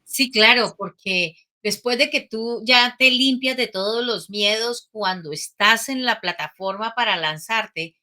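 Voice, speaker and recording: Mujer invitada de voz brillante y algo aguda, habla enfática y expresiva. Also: female voice, on the high side, measured pace, few pauses. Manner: emphatic, acts out shouts and quotes. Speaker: guest, program creator. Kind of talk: casual interview talk.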